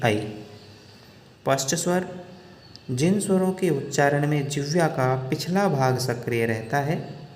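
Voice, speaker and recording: Slow, deliberate male grammar teacher, echoey room. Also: medium pitch, darkish tone. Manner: slow, deliberate, drawing out example sounds. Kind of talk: slow classroom-style grammar lesson. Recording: echoey room with long reverb.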